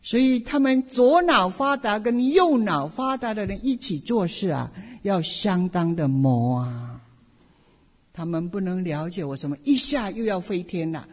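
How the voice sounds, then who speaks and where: A middle-aged woman pastor shares her testimony from the pulpit with lively, animated storytelling and playful asides. Her voice is husky and a little breathy. The sound carries a long reverb, as if it were recorded in a large hall. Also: medium pitch, unhurried. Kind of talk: personal testimony sermon.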